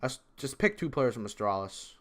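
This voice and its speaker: A man casually talking through his predictions in a vlog, excitable, rambling and swearing freely. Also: mid-range voice, moderate pace. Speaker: esports video creator.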